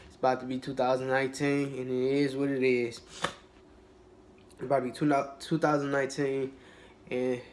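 A young man in a casual mukbang vlog, who rambles in a relaxed, low-energy way with lots of fillers and restarts and has a cold. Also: slight background noise. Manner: low-energy, laid-back. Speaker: YouTuber.

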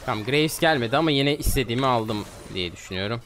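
A man in his twenties giving excitable, trash-talking commentary on his own gameplay. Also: mid-range voice, quick pace. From Turkey. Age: 20s. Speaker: gaming streamer.

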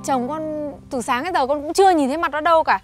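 An actress playing a poor, put-upon village wife who wails and pleads, in a comedy film. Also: female voice, high voice, fast, music in the background, close to an everyday voice. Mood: pleading. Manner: wailing, pleading, exclamatory. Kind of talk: Vietnamese comedy film acting.

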